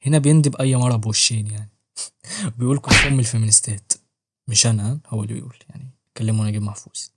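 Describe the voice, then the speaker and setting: Egyptian male book vlogger, quick banter, mid-pitched, jokey and slangy. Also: very noisy. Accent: Egyptian Arabic. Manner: joking, slangy, self-mocking. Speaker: book reviewer and channel host. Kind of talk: casual book review vlog.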